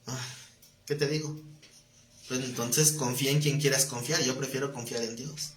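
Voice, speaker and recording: A man's voice: medium pitch, fairly even intonation, normal speed. Man, Bible teacher, conversational, quizzes the class, roomy echo, faint background noise. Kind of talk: live Bible class lecture. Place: classroom with students. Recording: echoey room, faint noise.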